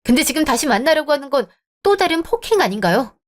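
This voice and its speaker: A woman's voice: high-pitched, very animated, quick pace. Cutting young woman in a radio drama. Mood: cold. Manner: cold, cutting retorts. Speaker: narrator and lead heroine.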